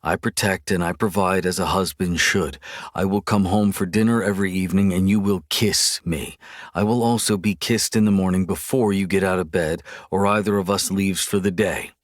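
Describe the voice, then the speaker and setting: A man reading a deep-voiced domineering husband. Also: steady tone, normal speed, dry recording, clean studio sound, close to an everyday voice. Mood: commanding. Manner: firm, commanding, clipped declarations. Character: possessive, domineering adult husband. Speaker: audiobook narrator voicing male characters. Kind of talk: audiobook character reading.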